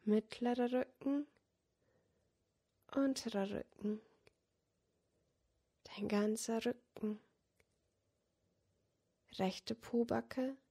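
Female meditation guide: soft, dreamy, extremely unhurried delivery, mellow tone with some vocal fry. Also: on the high side. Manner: soft, soothing, dreamy, partly breathy and near-whispered. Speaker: yoga nidra meditation guide. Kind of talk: guided meditation body scan, slow spoken cues.

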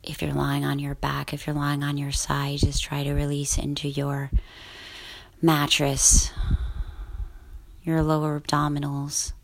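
A woman guiding a sleep meditation in a soft, slow, soothing whisper. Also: low-pitched, monotone, gravelly. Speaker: guided relaxation host.

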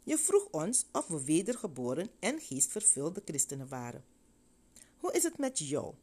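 Woman doing a gentle fatherly preacher, calm and low, story-reading voice. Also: normal speed, breathy edge, full character voice. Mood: questioning. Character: gentle kindly male preacher.

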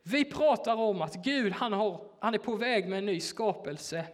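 A man's voice: sits high, lively intonation. A man preaching in a church, telling a personal story in a casual, hesitant way with many fillers. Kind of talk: sermon told as a personal story.

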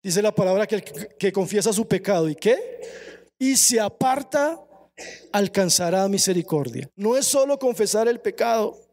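A man preaching a sermon to a congregation, emphatic, slowing down for scripture and asking the listeners questions. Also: high-pitched, expressive, darkish tone. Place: church service.

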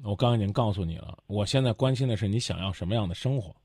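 A man's voice: fairly low pitch, very fast, a little mellow, slightly rough, no echo, clean studio sound. A man hosting a radio advice show, blunt and lecturing, cutting his caller off to press her.

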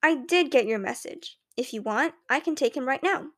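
A woman's voice: high voice, expressive, moderate pace, a bit bright. A woman voicing a kindly, businesslike older woman who helps out at a school and talks in a friendly, practical way.

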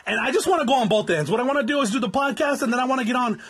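Recording a casual, unscripted podcast monologue from his desert home, a Southern Californian host in his forties rambles with a stuffy nose. His voice is very high, a bit bright and breathy, and he talks rapid-fire, repeating words and swearing freely.

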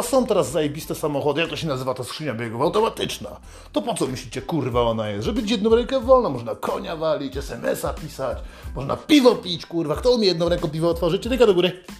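A swaggering man rants in a crude, foul-mouthed comedic monologue. His voice sits a little higher than most men's, and faint music plays underneath. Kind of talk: satirical comedic rant.

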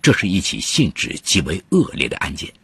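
A man narrating true crime stories from a script in an emphatic, dramatic manner, with a husky, rough-edged voice. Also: sits low, huge pitch swings, a little fast, a bit bright, slight background noise.

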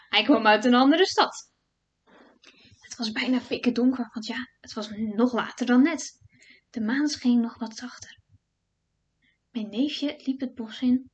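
A woman telling a first-person fairy tale slowly, often dropping to a hushed whisper. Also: a little high, husky. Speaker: storyteller. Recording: dull lo-fi recording.

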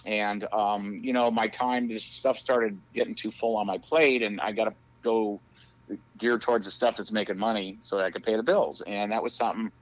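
Over a phone line, a man guesting on a podcast chats casually, rambling with plenty of fillers and frequent laughter. His voice is fairly low and steady at a moderate pace, and the dry recording sounds muffled and lo-fi.

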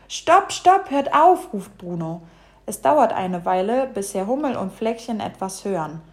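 A woman narrating a children's storybook in a lively, expressive way. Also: medium pitch.

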